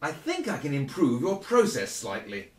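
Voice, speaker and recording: Man as Professor Steam, a husky, urbane gentleman inventor. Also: fairly high pitch, huge pitch swings, moderate pace, full character voice. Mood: smoothly managing. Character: Professor Steam, shrewd gentleman inventor uncle, calmly commanding. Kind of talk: steampunk radio play acting.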